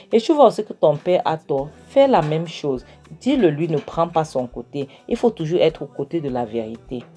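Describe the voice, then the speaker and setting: A woman's voice: deep voice, warm tone. Woman voicing a stern advising mother. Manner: earnest, insistent advice.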